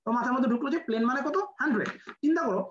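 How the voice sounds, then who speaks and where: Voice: high-pitched, rapid-fire. A physics lecturer with a Bangladeshi Bengali accent, teaching a class and quizzing students with rhetorical questions while repeating key numbers. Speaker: medical admission physics lecturer. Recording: roomy, dull lo-fi classroom recording.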